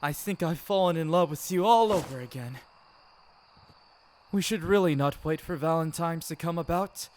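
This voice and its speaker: With a slightly high, somewhat mellow voice at normal speed, an amateur roleplay performer acts as a gentle, teasing boyfriend in ASMR, talking fondly to his partner. Ambient sound sits behind him, making the recording clearly noisy.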